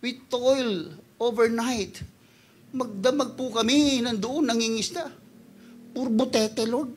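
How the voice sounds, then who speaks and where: A man voicing a humble, tired fisherman who speaks low and respectfully to his master. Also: slow pace, breathy edge, exaggerated voice. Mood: humble, weary.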